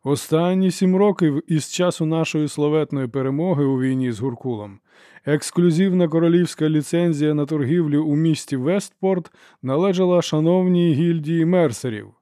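A man's voice: a little high, no echo, clean studio sound, voice pushed up, close to an everyday voice. A man voicing a silky, melodious inquisitor lord. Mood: smooth, measured. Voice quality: measured melodious voice. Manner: smooth, theatrical, turns to shouting accusations. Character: suave scheming male church inquisitor, older. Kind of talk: audiobook character voice.

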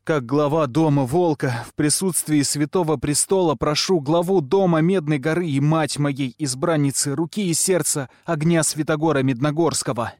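A man voicing an impulsive, lovestruck young male wolf-clan prince who blurts and shouts his lines. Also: fairly high pitch, expressive, moderate pace, hardly any pauses, no room sound, clean studio sound, voice pushed up. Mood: blurting.

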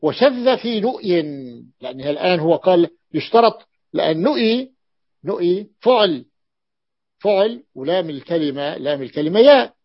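Teacher, male, husky, slightly high voice, patient repetitive explaining, dry lo-fi recording. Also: lively intonation, no echo. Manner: explains slowly, repeating words and patterns. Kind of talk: classroom grammar lesson.

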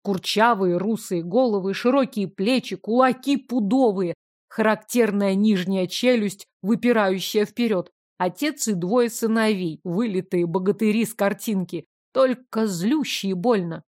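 A woman narrating an audiobook in the first person, with lively, expressive storytelling. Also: mid-range voice, a little slow.

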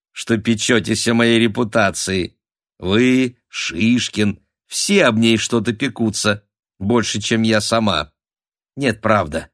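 A man's voice: a bit bright, no echo, clean studio sound. A man voicing a bold, mocking young princess who laughs at the man threatening her. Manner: laughing, teasing, high-spirited.

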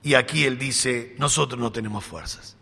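A man's voice: mid-range voice, moderate pace, vocal fry, pushed and bright, husky. A man preaching a sermon in a church hall, acting out dialogue with playful humor. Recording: long hall reverb.

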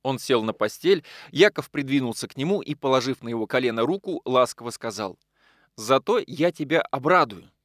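A man narrating a novel aloud in an expressive, dramatic reading style. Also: mid-range voice, a little fast, hardly any pauses, no room sound, clean studio sound. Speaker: audiobook reader.

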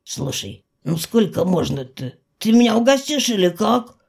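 A woman voicing a clumsy, sheepish male werewolf in an audiobook, with a low growling mutter. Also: very animated, moderate pace, creaky, darkish tone, slightly rough, full character voice. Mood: wheedling. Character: awkward male werewolf, gruff but timid. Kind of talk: audiobook character voice.

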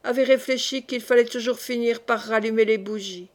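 Lectrice d'audiobook, voix de femme un peu aiguë, lecture posée d'un roman classique. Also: female voice, on the high side, fairly even intonation, fairly quick, darkish tone. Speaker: audiobook reader. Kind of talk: audiobook narration.

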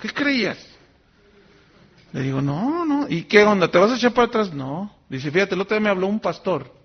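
A man, preaching as a pastor, telling a story with lively acted-out voices. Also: fast, breathy edge, faint music behind. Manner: animated, acts out quoted voices with sudden high pitch jumps. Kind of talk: sermon with storytelling. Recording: dull lo-fi sermon recording.

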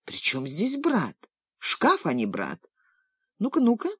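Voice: medium pitch, huge pitch swings, slow pace, fairly bright tone, slightly rough, no echo, studio quality, voice pushed up, heavily acted. A narrator voicing a strict, sceptical elderly grandmother in an audiobook, with curt, stern scolding. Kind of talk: audiobook character reading.

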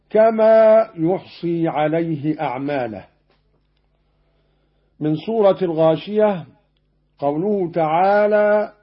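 Older radio guy explaining quran readings real slow and formal, muffled vintage broadcast audio. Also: a little high. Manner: measured, formal, slowing to recite the verse examples. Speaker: radio presenter. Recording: dull old radio broadcast recording.

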